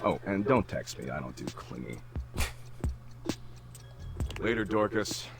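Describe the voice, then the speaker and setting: A smug, morbid flirt. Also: male voice, low voice, sing-song, a little slow, gravelly, over music, full character voice. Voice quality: dry, cocky delivery. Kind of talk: video game voice acting.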